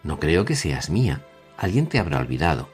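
A man's voice: extremely low pitch, big pitch swings, moderate pace, soft background music. A man voicing a puzzled, frank little girl in a storybook reading.

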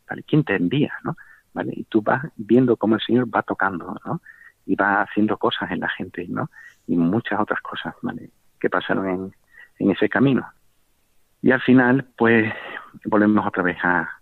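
Low-voiced Sevillian man, halting gentle testimony, dry tinny radio sound. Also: dry recording. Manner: halting, many fillers and tag questions, gentle. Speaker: layperson giving a faith testimony. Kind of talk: spoken personal testimony. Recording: tinny phone-like radio broadcast.

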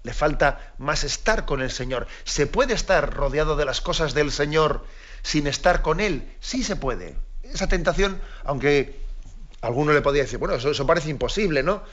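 A man's voice: fairly high pitch, animated, normal speed, fairly bright tone. A priest preaching an earnest sermon to fellow priests, repeating his key phrases and asking rhetorical questions. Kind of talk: reflective sermon to clergy. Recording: dull lo-fi sound.

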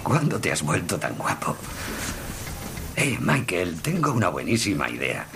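A man's voice: deep voice, huge pitch swings, measured pace, background noise, exaggerated voice. A man dubbing a playful, affectionate older father in a film, talking in a coaxing, jokey way. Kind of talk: Spanish film dub.

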